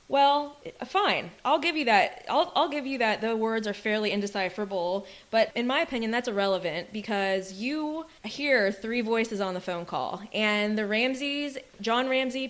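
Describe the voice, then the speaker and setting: A woman co-hosting a true crime podcast, laying out a case in an emphatic, argumentative way. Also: fairly high pitch. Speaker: podcast co-host.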